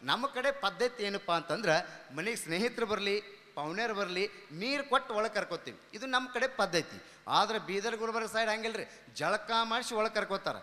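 High, bright-voiced North Karnataka comedian. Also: male voice, moderate pace, big-room sound. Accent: North Karnataka Kannada. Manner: lively folksy storytelling, slipping into character voices. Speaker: stand-up comedian. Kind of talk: stand-up comedy storytelling. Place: comedy stage before an audience.

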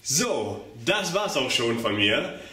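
In a sing-song, mid-range voice, a young circus pantomime instructor takes his time walking through a demonstration step by step, moving as he speaks. The camera mic sits far off across a very echoey, bare room with hard walls, and background noise is present.

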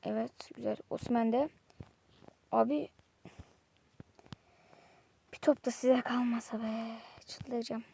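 A woman's voice: a little high, fairly even intonation, slow pace, gravelly, long pauses, dark tone, slightly rough. A woman giving exasperated live commentary while playing a football video game, muttering to herself and snapping at the game. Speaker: gamer.

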